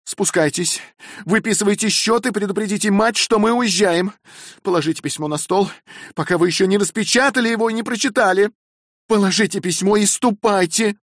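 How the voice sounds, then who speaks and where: A man with a medium-pitched, sing-song voice plays a fiery, imperious young wife, pitching himself above his natural range. Furious, he scolds in a sharp, commanding way at a moderate pace. The recording is dry and studio quality.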